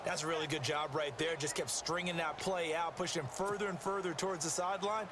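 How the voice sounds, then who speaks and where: A man acting as an opinionated football color commentator in a video game, talking conversationally in a slightly high male voice. Very loud game and stadium noise runs behind him. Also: fairly even intonation, fairly quick, lightly acted. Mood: assured. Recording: very noisy game capture.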